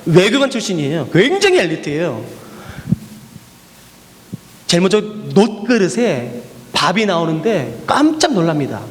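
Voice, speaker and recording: In a large church hall, a male missionary preacher with a high-pitched voice speaks a little slowly, leaving long pauses. His sermon is animated storytelling, marked by repeated refrains and rhetorical questions to the congregation.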